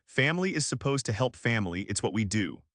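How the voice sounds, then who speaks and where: A man voicing a gruff, scolding middle-aged father. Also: medium pitch, sing-song, fast talker, a bit bright, no room sound, clean studio sound.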